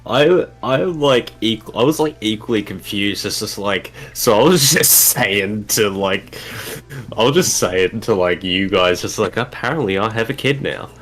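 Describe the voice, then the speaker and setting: A man's voice: lowish voice, animated, unhurried, fairly bright tone. A man in his twenties chatting casually while streaming a game, swearing often and restarting sentences. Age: 20s. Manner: swears a lot, rambling restarts. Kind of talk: casual chat while playing.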